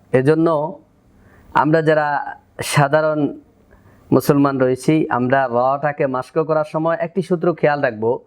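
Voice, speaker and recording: A man with a Bangladeshi Bengali accent teaching Quran recitation, patiently explaining and slowly repeating syllables to demonstrate pronunciation. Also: a little high.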